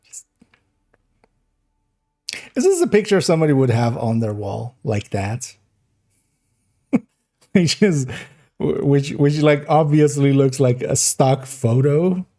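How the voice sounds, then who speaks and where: Rambling man with a mellow voice. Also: medium pitch, lively intonation, takes it slowly, long pauses. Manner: rambling, giggly, restarts sentences often. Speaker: game streamer. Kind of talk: casual gameplay commentary.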